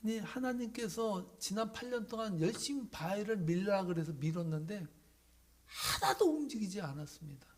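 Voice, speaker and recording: High-voiced pastor preaching dramatically. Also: male voice, lively intonation, moderate pace. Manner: dramatic storytelling, swinging from loud to whispered. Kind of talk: sermon.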